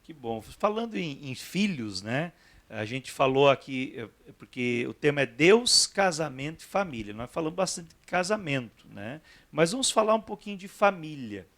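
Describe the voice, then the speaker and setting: A man's voice: a little high, big pitch swings, moderate pace, fairly bright tone. A man with a Brazilian Portuguese accent, a pastor hosting a church TV talk show, asking his guests questions in a conversational way. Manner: conversational, frequent "né" tags, guiding questions. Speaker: pastor and program host.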